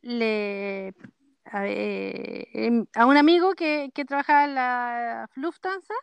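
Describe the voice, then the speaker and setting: A woman's voice: a little high, slow pace, gravelly, clean tone, no room sound. Chilean woman on a podcast call, rambly and chatty, dry close sound. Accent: Chilean Spanish. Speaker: podcast co-host. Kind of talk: casual chat. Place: home, connected remotely. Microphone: computer mic on a call.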